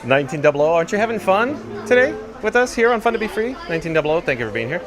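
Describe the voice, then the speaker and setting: A man's voice: sits high, sing-song, very fast. A man hosting a casual livestream from a theme park, reading out viewer comments and replying to them. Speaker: livestream host. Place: theme park queue, mostly outdoors. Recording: busy crowd around him. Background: chattering crowd.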